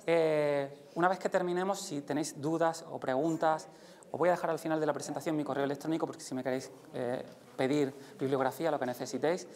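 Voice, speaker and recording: Lively male speaker from Spain lecturing. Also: fast. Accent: Spain Spanish. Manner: lively, demonstrates voices with big pitch jumps. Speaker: conference speaker. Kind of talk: live lecture to an audience. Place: lecture room.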